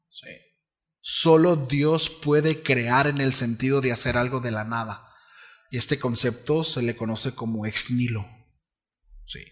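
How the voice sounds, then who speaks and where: Man, pastor, sermon, conversational preaching, soft asides and loud emphatic peaks, average pitch. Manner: conversational preaching with frequent "¿sí?" check-ins to the congregation; swings between soft, low asides and loud, emphatic declarations.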